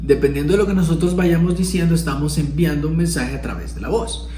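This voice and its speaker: A man's voice: fairly high pitch, fast talker, warm tone, echoey room, a little hiss or hum, rough recording. A man hosting a video lesson, explaining in a casual tone and acting out tones of voice as examples. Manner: demonstrative, acting out emotional tones of voice. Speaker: video host teaching communication. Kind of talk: casual explanatory talk to camera.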